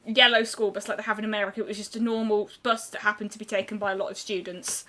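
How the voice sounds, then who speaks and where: Chatty young British woman, bright voice. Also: medium pitch, little pitch movement. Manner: chatty, rambling, quick restarts. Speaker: streamer. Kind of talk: casual chat while drawing.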